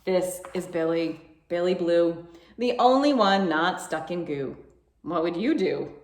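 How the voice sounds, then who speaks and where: A woman hosting children's storytime reads a picture book aloud in a darkish, expressive voice, her pitch swooping up and down with playful emphasis and a bouncy rhythm. She reads unhurriedly, and the room around her sounds echoey.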